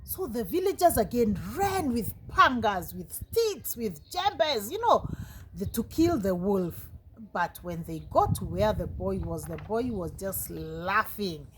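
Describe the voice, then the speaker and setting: A woman teaching a moral lesson through storytelling, expressive and engaging, often asking her listeners questions. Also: mid-range voice, takes it slowly, a little hiss or hum, low-quality recording.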